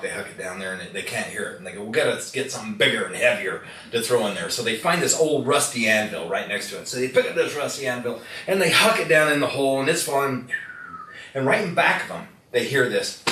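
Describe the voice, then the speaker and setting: Lively man telling stories to a crowd. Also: mid-range voice. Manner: storytelling, jokey, asks the audience questions. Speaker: product presenter. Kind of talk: live product demonstration to an audience. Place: room with a live audience. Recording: echoey room, distant mic, faint noise.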